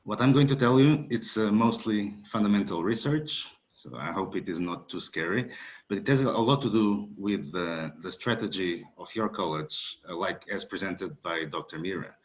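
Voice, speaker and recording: Low-voiced man lecturing on a webinar. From Portugal. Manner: measured, hesitant, with many fillers. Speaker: guest speaker. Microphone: video call.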